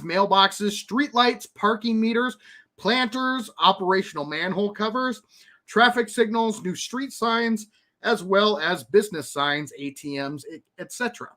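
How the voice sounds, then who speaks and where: A man hosting a live stream, reading game patch notes and rambling through them with lots of fillers, restarts and excited asides. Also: high voice. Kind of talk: casual commentary.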